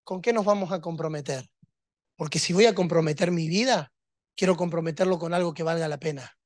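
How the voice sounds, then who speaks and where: A man's voice: on the high side, fairly quick, dry recording, studio quality. A man preaching a sermon, emphatic and rhetorical, with touches of humor.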